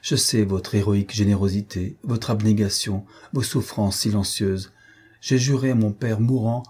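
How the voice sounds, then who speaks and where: A man's voice: fairly low pitch, warm tone, slightly rough. A man voicing an earnest young colonel. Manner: urgent, imploring, proud. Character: young male colonel, earnest, pleading brother.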